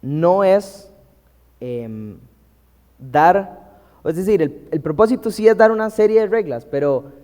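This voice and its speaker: A man preaching a teaching sermon to a congregation, asking them questions and reading scripture slowly. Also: sits high, warm tone, long reverb tail.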